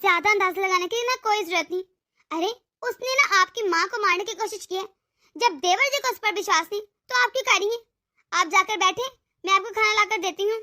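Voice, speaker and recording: A woman voicing a cunning young daughter-in-law in a Hindi cartoon, talking in a sharp, taunting and threatening way. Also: extremely high pitch, a little fast. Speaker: voice actor.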